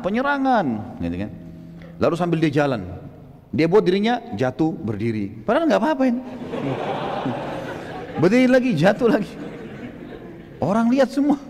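Male preacher, fairly high voice, animated storyteller, long hall reverb. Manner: animated storytelling, acts out shouts in quoted lines. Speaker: Islamic preacher. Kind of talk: storytelling sermon.

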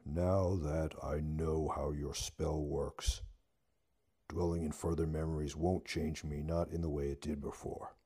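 A man voicing Death as a calm, deliberate figure who speaks slowly. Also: rumbling low, breathy edge, exaggerated voice. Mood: measured. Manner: slow and deliberate. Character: Death, slow and measured, calm being.

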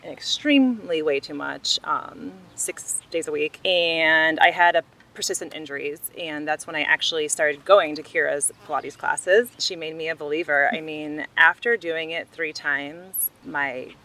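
A woman's voice: sits low, a little slow, pushed and bright. A woman chatting informally outdoors as a guest in a casual interview. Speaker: interview guest, Pilates teacher.

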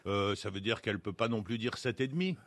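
A man's voice: lowish voice, fairly quick, a bit bright, dry recording, clean studio sound. A male radio panelist who argues and nitpicks the quotations. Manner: argumentative, nitpicks. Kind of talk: casual banter.

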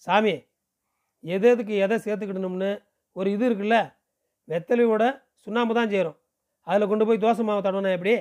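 A man's voice: high-pitched, steady tone, a little fast, pauses often, darkish tone, lightly acted. A man voicing a bold, joking village landlord who trades earthy banter in a storybook reading. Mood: teasing.

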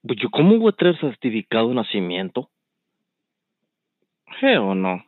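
A man's voice: mid-range voice, wildly swooping pitch, unhurried, no echo. Rambling swearing man on a tinny phone line. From United States. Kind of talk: heated call-in chat.

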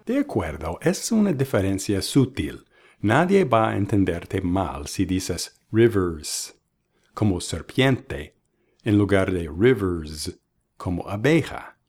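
Man, pronunciation teacher, slow deliberate delivery, models words by contrast, husky. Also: low voice, sing-song, darkish tone. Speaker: language teacher. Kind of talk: bilingual pronunciation lesson.

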